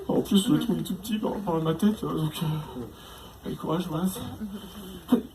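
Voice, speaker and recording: High-voiced man teasing a live crowd. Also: moderate pace. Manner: chatty, teasing the audience, constant tag questions. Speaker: stand-up comedian. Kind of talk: live stand-up comedy with crowd work. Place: stage before a live audience. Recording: noisy live room.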